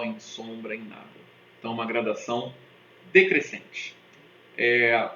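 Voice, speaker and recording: A Brazilian man teaches an exam-prep lesson in a relaxed, lively manner, often pausing to check that students follow. His voice is bright and forward. The recording is slightly dull and lo-fi, in an echoey room with faint background noise. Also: mid-range voice. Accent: Brazilian Portuguese. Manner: casual, lively, asks checking questions.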